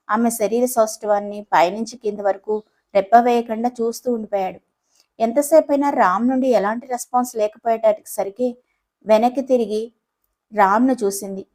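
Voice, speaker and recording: A woman narrating a romantic family audio story in a steady, gentle storytelling manner. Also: a little high, normal speed, poor audio.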